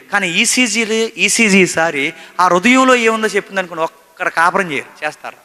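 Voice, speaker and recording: A male pastor delivers a sermon with an intensely bright, cutting tone. He fires rhetorical questions and swings from forceful peaks down to hushed asides. His voice carries the long reverb of a large hall. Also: high-pitched.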